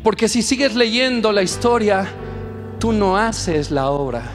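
A man's voice: sits high, animated, measured pace. A man preaching an impassioned, emphatic sermon to his church. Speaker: pastor. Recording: reverberant hall with music.

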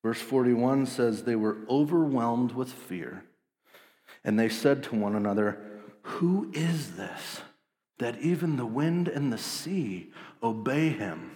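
Male pastor, thirties, lively sermon delivery that acts out scenes, long hall reverb, mid pitch. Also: measured pace. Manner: animated, acts out voices of disciples.

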